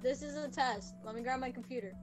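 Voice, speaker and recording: A young woman with a high voice, playful and teasing as she chats through a game. Loud music runs behind her. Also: fast. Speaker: player in a group guessing game. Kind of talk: casual gaming chat.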